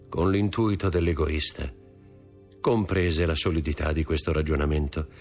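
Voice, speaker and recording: A man narrating an audiobook in an expressive storytelling manner. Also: very deep voice. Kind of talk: audiobook reading.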